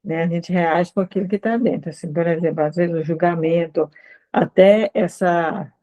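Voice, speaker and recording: Mellow woman explaining calmly. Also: lowish voice, normal speed. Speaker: discussion group participant. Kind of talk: casual group discussion.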